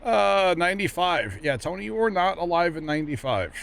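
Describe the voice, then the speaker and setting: A man's voice: sits high, big pitch swings, brisk, vocal fry, fairly bright tone. A middle-aged man hosting a gaming livestream in casual chat, teasing his co-player and humming along. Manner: teasing, jokey, hums while playing. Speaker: livestream host. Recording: game vehicle engine noise behind.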